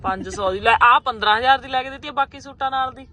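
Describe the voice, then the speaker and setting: A woman's voice: sits high, quick pace, pushed and bright. A woman with a Punjabi accent chatting casually and complaining as a family vlogger out on a trip. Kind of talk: casual chat on an outing. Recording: noisy car and street sound.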